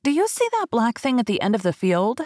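A woman's voice: on the high side, sing-song, brisk, darkish tone, dry recording, studio quality, voice pushed up. A woman voicing a coaxing young wife in a folk tale.

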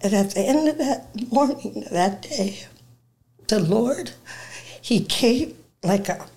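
A woman telling her personal testimony as a guest, animated, acting out the voices of people in her story and laughing as she talks. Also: fairly high pitch, slow pace. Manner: animated, acts out quoted dialogue. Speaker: interview guest.

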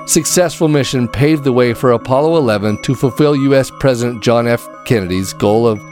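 A man's voice: medium pitch, fairly quick, darkish tone, soft background music. A man reading a scripted narrative as a storyteller, with dramatic, folksy phrasing.

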